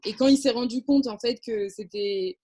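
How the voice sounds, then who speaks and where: A young woman with a fairly high voice recounts a story as a radio guest. She hesitates a lot, restarts her sentences and laughs at herself along the way. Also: moderate pace, noisy background. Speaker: guest, camp counselor. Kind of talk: anecdote on a radio show.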